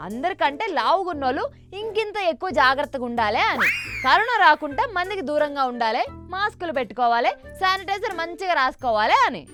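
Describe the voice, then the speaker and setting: A woman's voice: sits high, lively intonation, brisk, pushed and bright. A woman, scolding and teasing in a comedy news skit. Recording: voice over background music.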